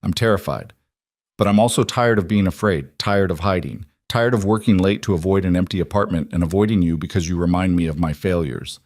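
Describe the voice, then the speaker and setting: A man plays a guilt-worn single father who talks steadily and candidly in a storybook narration. The voice sits low and sounds close and dry. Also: brisk, darkish tone, no echo. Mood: confessional.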